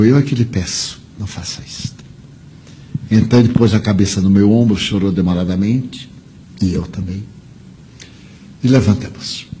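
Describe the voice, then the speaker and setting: An older man, telling an earnest personal story that swings from raised to hushed. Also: fairly low pitch, slight background noise. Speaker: speaker. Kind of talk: storytelling talk.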